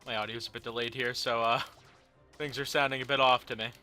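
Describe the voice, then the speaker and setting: A young man talks through a video game at his home setup, rambling and joking between fillers. His tone is sharp and very bright, and faint game music plays under him. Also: mid-range voice, flat delivery, quick pace. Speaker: let's play host. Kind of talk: casual gameplay commentary.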